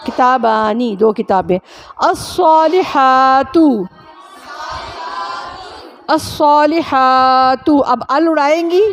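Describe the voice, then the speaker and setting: A high-pitched woman from Pakistan teaches a grammar class. She drills her students by repeating syllables again and again and keeps quizzing them with short, quick questions. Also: slight background noise.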